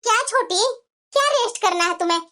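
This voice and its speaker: Brief: woman playing a bossy cartoon elder sister-in-law, taunting and high-voiced. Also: animated, quick pace, sharp tone, full character voice.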